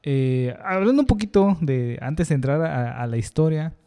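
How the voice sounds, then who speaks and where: Mellow-voiced male podcast host. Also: fairly high pitch, lively intonation, clear, resonant tone. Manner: halting, filler-heavy questions. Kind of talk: casual interview talk.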